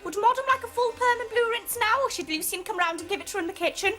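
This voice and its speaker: A woman's voice: very high-pitched, quick pace. An actress playing a cheeky, bossy young woman who teases with dry sarcasm in natural TV comedy-drama dialogue. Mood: dry, mocking. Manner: teasing, wisecracking, deadpan sarcasm. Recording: music and crowd chatter behind.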